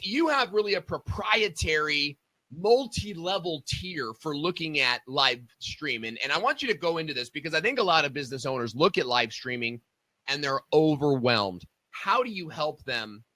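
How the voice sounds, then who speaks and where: A man's voice: a little high, animated, moderate pace, bright, forceful tone, dry recording. A man hosting a casual business talk show, chatting in a friendly, conversational way with fillers. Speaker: show host.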